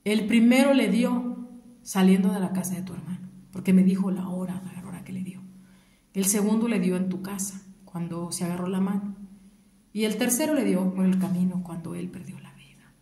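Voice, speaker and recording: Woman, hushed whispered storytelling, grieving, mellow tone, roomy echo. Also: medium pitch, moderate pace. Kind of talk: personal story told to an audience.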